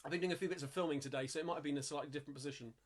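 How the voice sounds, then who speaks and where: High-voiced London man hosting a singalong. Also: rapid-fire. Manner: chatty and upbeat, breaks into music-hall singing. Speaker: singalong host and pianist. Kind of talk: casual live-stream chat with singing. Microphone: home streaming mic.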